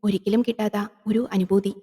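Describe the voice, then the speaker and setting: A woman's voice: medium pitch, flat delivery, normal speed, dark tone, slightly rough, lightly acted. A woman plays a simple, timid village man who speaks fearfully and hesitantly in a horror audio drama. A long hall reverb trails each line. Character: timid, simple-hearted male village servant.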